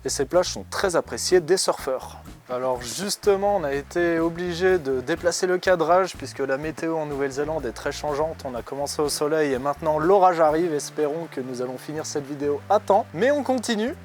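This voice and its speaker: A man giving a scripted informative presentation outdoors, laying out facts clearly and step by step. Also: a little high, a little fast, slight background noise. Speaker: presenter for a honey brand.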